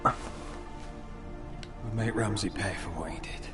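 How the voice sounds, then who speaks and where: An actor playing a gravely wounded young lord in a video game, a stoic, protective older brother who speaks in a subdued, resolute way. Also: male voice, sits low, unhurried, reverberant, recorded from a distance, over music. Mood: grim resolve.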